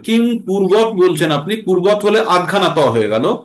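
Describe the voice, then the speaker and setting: High-voiced man teaching verse chanting. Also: big pitch swings, reverberant. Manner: chants verses slowly, then explains pronunciation. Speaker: teacher of Sanskrit verse recitation. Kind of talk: patient recitation lesson.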